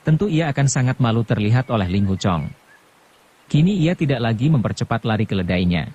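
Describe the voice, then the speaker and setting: A man narrating a martial arts novel as an audiobook, in a steady, calm storytelling manner. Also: mid-range voice, highs cut off, a little hiss or hum.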